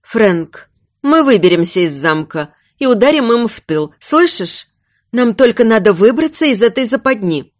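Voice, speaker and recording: A woman's voice: a little high, sing-song, moderate pace, no echo, studio quality. A woman voicing a desperate young queen who pleads in a raised voice, near tears. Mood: urgent.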